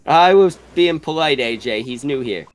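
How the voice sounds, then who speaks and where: A man hosting a podcast in casual chat, teasing his guests dryly with halting fillers. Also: medium pitch, expressive. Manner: dry teasing, hesitant fillers. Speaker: podcast host.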